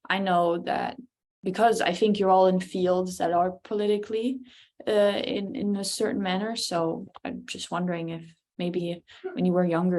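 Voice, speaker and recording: A woman's voice: lowish voice, a little mellow. Tentative young woman asking a question. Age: young adult. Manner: tentative, searching for words. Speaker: audience questioner.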